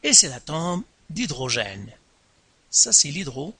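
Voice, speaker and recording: Slow, emphatic man teaching a lesson. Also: big pitch swings, pushed and bright, breathy edge, no echo. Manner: slow, deliberate, repeats terms and stresses syllables, pitch jumps. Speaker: science teacher. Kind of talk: classroom lesson explaining at a board.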